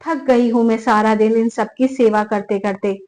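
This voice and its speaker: Woman voicing a shrill, bullying daughter-in-law. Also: steady tone, normal speed, lightly acted. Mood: complaining. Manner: shouting, scolding, threatening.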